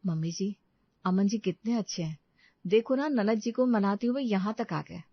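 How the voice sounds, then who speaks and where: A woman voicing a meek, dutiful young daughter-in-law in a cartoon story, with a soft, deferential tone. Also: mid-range voice, normal speed, breathy edge, dry recording, lo-fi sound.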